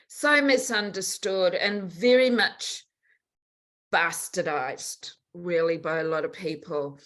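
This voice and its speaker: A woman in her sixties, a podcast guest, speaking frankly and emphatically in a candid conversational interview. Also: medium pitch. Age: 60s. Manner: frank and emphatic, swinging between soft and animated.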